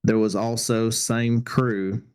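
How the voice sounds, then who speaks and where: A man's voice: lowish voice, little pitch movement, slow, darkish tone, clean tone. A man co-hosting a podcast, casually retelling a ghost hunting story with loose restarts. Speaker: podcast co-host.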